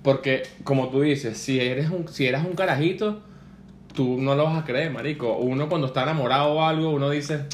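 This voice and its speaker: A man's voice: mid-range voice, brisk, a little hiss or hum. A young man with a Venezuelan accent, joking and laid-back in casual slangy chat. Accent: Venezuelan Spanish. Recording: roomy echo.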